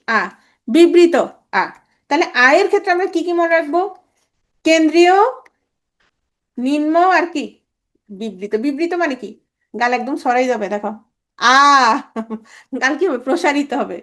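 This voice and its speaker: A woman teaching a grammar lesson, drilling sounds over and over and quizzing her students with quick questions. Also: sits high. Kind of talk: grammar lecture.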